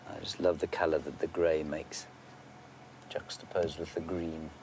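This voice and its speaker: A man working as a safari guide, giving unscripted live wildlife commentary and answering viewer questions, sometimes hushed toward a near-whisper. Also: a bass voice, little pitch movement, measured pace. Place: outdoors in an open safari vehicle. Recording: outdoor vehicle and bush ambience noise.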